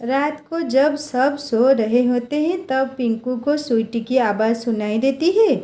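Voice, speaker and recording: Slow, high-voiced woman storyteller. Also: mellow. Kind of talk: storybook narration.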